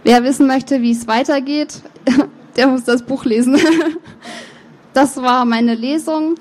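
A woman author reading her novel aloud, with measured, expressive first-person narration and the odd slip of the tongue. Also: high voice. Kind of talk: book reading.

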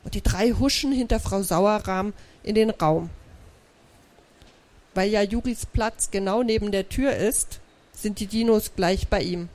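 A woman, the author, reading her children's book aloud to a live audience with lively storytelling. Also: mid-range voice, unhurried.

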